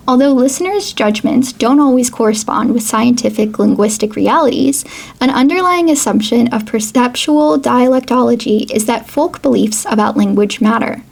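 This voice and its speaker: A woman talks through her explainer in a relaxed, chatty way, dropping "like" and "um" as she goes. Her voice sits a little high and carries a husky, breathy edge. She slips into reading book passages now and then. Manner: chatty, frequent "like" and "um". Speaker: geography video host.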